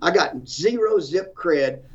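A man giving forceful, preacherly commentary on a talk show, repeating phrases for emphasis. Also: high-pitched, expressive, slow pace. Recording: distant, dull lo-fi audio.

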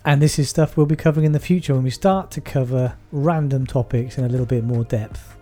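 A man's voice: medium pitch, fairly even intonation, a little fast, dark tone, faint music behind. A man co-hosting a medical podcast, explaining anatomy terms plainly with playful asides. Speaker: podcast co-host, clinician. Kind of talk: casual educational chat.

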